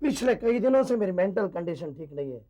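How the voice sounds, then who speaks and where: An actor playing a theatrical stage comedian who comes to a doctor feeling low. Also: male voice, lively intonation, brisk, warm tone, slight background noise, rough recording. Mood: showy. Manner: theatrical, showy. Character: gloomy celebrity comedian patient, showy. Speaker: sitcom character. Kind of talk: sitcom acting. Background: studio audience laughter.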